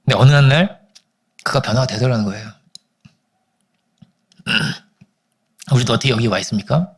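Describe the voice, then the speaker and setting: A man preaching a Sunday sermon as pastor, telling stories with animated voices for the people in them. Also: normal speed, breathy edge. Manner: animated storytelling, acting out family quarrels in high voices.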